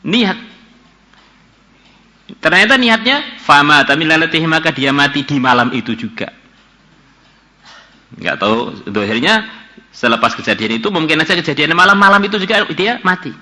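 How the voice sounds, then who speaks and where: Older man, bright voice, reads Arabic then explains it, sermon. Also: fairly high pitch, fairly quick, pauses often. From Indonesia. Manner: reads Arabic phrases then paraphrases them, acts out dialogue in a raised voice. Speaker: kyai teaching a religious class.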